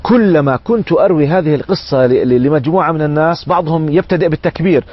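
Male preacher, rapid animated storytelling sermon, slightly high voice, dull lo-fi radio sound. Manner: animated storyteller, acting out quoted speech.

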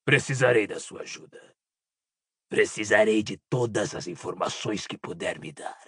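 A man voicing a cold, cruel dark lord in an audiobook, speaking slowly with quiet, icy menace. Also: fairly low pitch, animated, dry recording, clean studio sound, pitched below the performer's own voice. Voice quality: cold, creaky and husky. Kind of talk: audiobook character voice.

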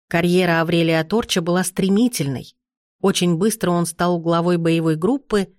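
A woman narrating a fantasy audiobook in the first person with calm, measured reading. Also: on the low side, dry recording, studio quality.

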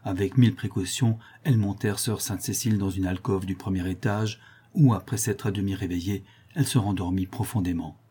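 Low, husky male narrator. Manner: measured, steady storytelling. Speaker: audiobook narrator. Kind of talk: scripted narration.

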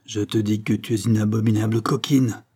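A man's voice: fairly low pitch, flat delivery, brisk, dark tone, breathy edge. A man reading an audiobook, voicing a brutal man who threatens a woman in a harsh, menacing tone.

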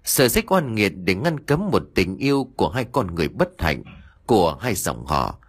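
A man narrating a ghost story as an audiobook reader, reading slowly and dramatically. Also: fairly low pitch, very animated, slightly rough.

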